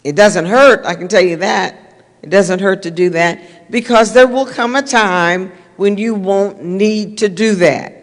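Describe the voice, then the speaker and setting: A woman's voice: mid-range voice, a little slow. Older woman preaching in a church. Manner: earnest, repetitive, conversational. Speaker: minister. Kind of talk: sermon-style talk to a congregation. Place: church sanctuary. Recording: reverberant church hall.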